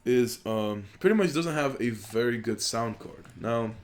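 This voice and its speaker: Over his gameplay, this young adult man talks into a USB desk mic in a mid-range voice at a measured pace. He grew up in Poland, speaks Polish natively, and makes YouTube gaming videos, and his commentary is casual, relaxed, rambling, and heavy on fillers.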